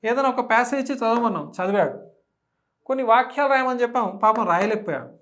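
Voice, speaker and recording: Exam-prep teacher, step-by-step explainer, reads English questions out slowly, keeps asking the class. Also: mid-range voice, animated, fairly bright tone.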